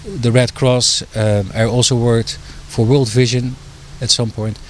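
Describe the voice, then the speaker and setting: A middle-aged Dutch man, an author and doctor appearing as an interview guest, speaks a little slowly in a level, mid-range voice over slight background noise. His delivery is hesitant, full of fillers and restarts.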